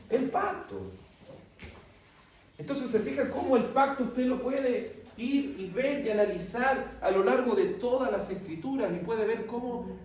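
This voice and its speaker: A man's voice: very high voice, a little mellow, a little hiss or hum. A man teaching a theology class who keeps asking rhetorical questions and answering them himself. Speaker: Bible teacher. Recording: very echoey room, distant mic.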